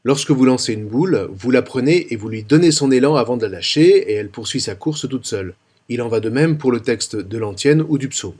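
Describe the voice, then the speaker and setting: A man calmly explaining how to chant a Sunday psalm, speaking with careful, clear diction. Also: medium pitch, a little fast. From France. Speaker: liturgical singing teacher. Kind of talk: instructional tutorial with sung psalm examples.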